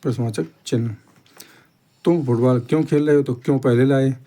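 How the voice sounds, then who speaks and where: A man's steady, dark voice of medium pitch carries a slow grammar lesson. He moves step by step, goes over each point again, and keeps checking in with "theek hai."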